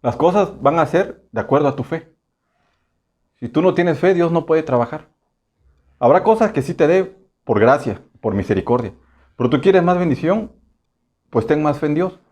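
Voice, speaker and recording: A man with a Mexican Spanish accent preaching a casual, conversational sermon. He keeps asking the congregation rhetorical questions and slips into quick acted voices. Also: on the high side, expressive, darkish tone, highs cut off. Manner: acts out short voices for humor.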